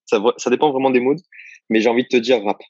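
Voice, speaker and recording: A man from the south of France, a guest in a casual interview, telling his story in a relaxed, rambling way with many restarts. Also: mid-range voice, fast talker, dry recording, muffled recording.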